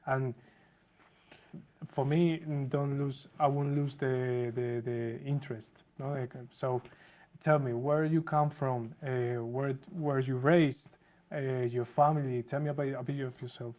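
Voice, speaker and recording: A man's voice: medium pitch, steady tone, unhurried, darkish tone. A man who grew up in Spain, hosting a podcast, asking questions eagerly and affirming often. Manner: eager interviewer, frequent affirmations. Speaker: podcast host. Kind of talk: casual podcast conversation.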